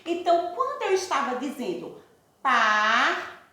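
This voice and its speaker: A Brazilian woman teacher giving a recorded lesson to young pupils, affectionate and sing-song, addressing them slowly and warmly. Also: high-pitched, sing-song. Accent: Brazilian Portuguese. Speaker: primary school teacher. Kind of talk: recorded remote lesson for children. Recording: echoey room.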